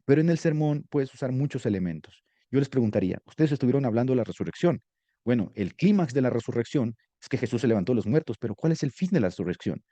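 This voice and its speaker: A man teaching rhetoric to a class, animated and asking students questions. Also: medium pitch, fast, no echo. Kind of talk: classroom lecture.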